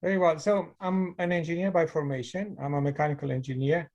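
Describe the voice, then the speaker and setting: A middle-aged Romanian man with a Romanian accent speaks in a fairly high, steady, darkish voice at a quick pace, with dull audio. A mechanical engineer, he tells his story as a guest in a conversational video-call interview, thoughtful and with light laughs.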